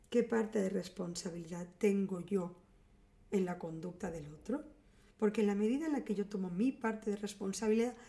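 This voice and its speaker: A woman with an accent from Spain, calmly explaining relationship advice to her viewers in a teaching tone. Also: mid-range voice.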